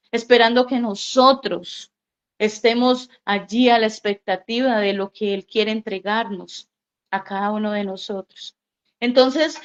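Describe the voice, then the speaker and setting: A woman pastor preaches slowly and earnestly, leaning on repeated phrases. Her voice sits a little high, and the recording sounds dull and lo-fi. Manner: slow, earnest preaching with emphatic repetitions. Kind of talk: sermon.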